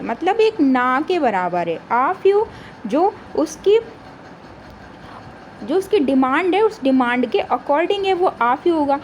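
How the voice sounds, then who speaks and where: A woman teaching an exam-prep grammar lesson. She asks questions and answers them herself, and reads example sentences slowly. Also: high voice, darkish tone, a little hiss or hum, poor audio.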